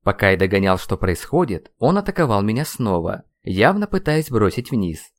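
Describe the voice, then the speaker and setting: A man's voice: lowish voice, big pitch swings, normal speed. A man reading a fantasy audiobook as a first-person narrator, telling the story expressively. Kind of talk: scripted narration.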